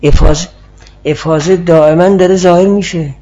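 Muffled, husky male lecturer explaining slowly. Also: sits high, steady tone, dark tone. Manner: measured, explanatory, answers student questions. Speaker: teacher of Islamic philosophy. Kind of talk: classroom lecture. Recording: muffled lo-fi class recording.

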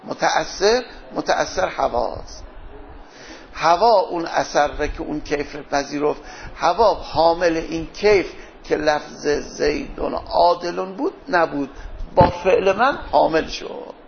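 A man's voice: fairly high pitch, lively intonation, vocal fry, a little hiss or hum. A man teaching a philosophy class, posing questions to his students and answering them himself. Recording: dull lo-fi lecture recording.

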